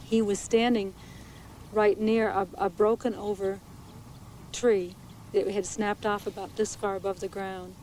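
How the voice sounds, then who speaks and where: Measured woman ranger, halting retelling. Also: medium pitch, level tone, darkish tone, a little hiss or hum, poor audio. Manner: measured, halting, with small restarts. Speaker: naturalist and park ranger. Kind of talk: interview recounting a bear attack. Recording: 1980s VHS documentary interview.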